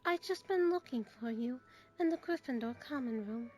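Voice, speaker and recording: A woman playing a stern but caring older professor in an audio drama, speaking in a brisk, prim and formal way. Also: fairly high pitch, expressive, a little mellow, lightly acted. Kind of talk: fan audio drama acting.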